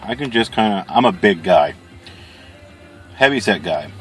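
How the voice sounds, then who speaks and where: Low-voiced man in a casual video chat. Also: expressive, unhurried, soft background music. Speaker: pipe-smoking video reviewer. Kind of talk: casual chat product review.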